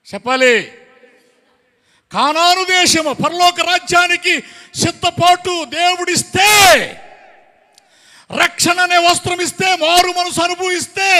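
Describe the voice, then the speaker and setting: A man preaching an impassioned sermon to his congregation, firing off rhetorical questions and breaking into shouts. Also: very high voice. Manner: addresses the congregation directly. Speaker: pastor. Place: church hall with congregation. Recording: long hall reverb.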